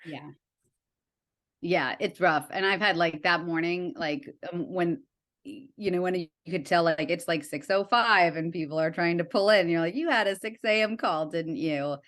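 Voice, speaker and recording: A young adult woman, a guest in a casual conversation, telling stories in an animated way with lots of fillers and acted-out quotes. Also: fairly low pitch, normal speed. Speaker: guest, writer and art director.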